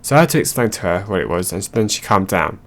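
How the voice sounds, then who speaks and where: A man with a fairly low voice reads stories aloud. His delivery is plain and steady, like someone working through a list of online posts. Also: fast talker. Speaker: narrator.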